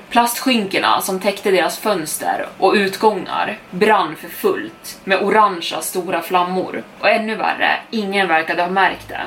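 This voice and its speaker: A young adult woman narrates a first-person horror tale in steady storytelling mode. Her voice sits on the lower side, and she picks up speed through the tense stretches. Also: a little hiss or hum. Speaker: podcast storyteller.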